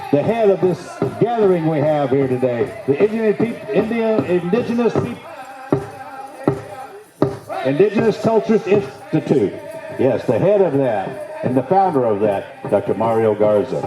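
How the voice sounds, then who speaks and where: A man working as a powwow emcee, announcing the grand entry to the crowd in a folksy, showman's manner with drawn-out phrases. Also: a little high. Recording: echoey PA sound with music behind.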